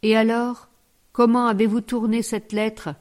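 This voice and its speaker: A woman's voice: a little high, little pitch movement, unhurried, a little mellow, lightly acted. A woman reading the part of a proud young lady of a grand house, speaking curtly and with dignity. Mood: stern. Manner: curt, dignified.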